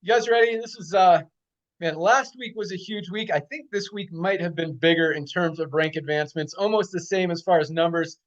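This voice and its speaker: Hosting a company video call, a man gives an upbeat update, reporting figures with enthusiasm and repeating them for emphasis. His voice is slightly high and slightly quick, and the audio sounds dull.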